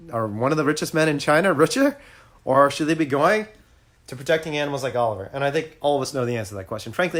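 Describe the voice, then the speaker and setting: A man's voice: fairly high pitch, a bit bright. A man talking earnestly and persuasively to viewers on a casual home livestream, addressing them directly. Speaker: animal rights activist on a livestream. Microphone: phone or laptop on a home livestream.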